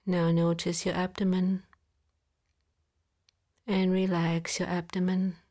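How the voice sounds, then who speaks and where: Female meditation guide: soft, calm, slightly low and very even, unhurried, partly whispered. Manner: slow, soft, calm with long pauses. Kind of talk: guided body-scan relaxation.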